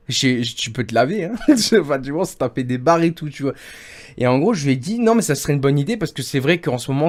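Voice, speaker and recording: A man in a livestream chat, rambling through a story he tells to a friend in a loose, easygoing way. He leans on the same filler words again and again, and his pitch sits at an everyday middle level. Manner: rambling, keeps repeating "en gros" and "et tout". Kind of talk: casual storytelling to a friend on stream.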